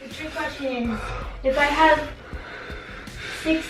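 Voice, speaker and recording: A woman's voice: sits high, takes it slowly. A woman chatting casually and asking quiz questions in a challenge video. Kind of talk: casual chat. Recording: echoey room, distant mic, faint music.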